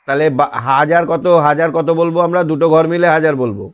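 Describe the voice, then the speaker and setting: A man's voice: a little high, fairly even intonation, fast talker, noisy background. A man teaching an online math lesson, patiently asking questions and answering them himself. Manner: patient, asks and answers his own questions. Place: online class on a video call.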